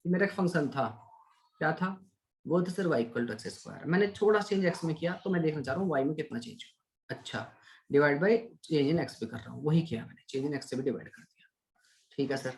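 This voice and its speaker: A man's voice: fairly high pitch, fairly quick, a little mellow, slight background noise. A man teaching an online maths class, chatty and coaxing, asking questions and answering them himself for his students. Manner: coaxing, calls students "beta".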